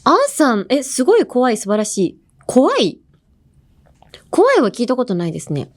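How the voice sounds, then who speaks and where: A young woman hosting a language-learning podcast, chatting casually and explaining how words are used with quick examples. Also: fairly high pitch, huge pitch swings. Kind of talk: casual bilingual lesson chat.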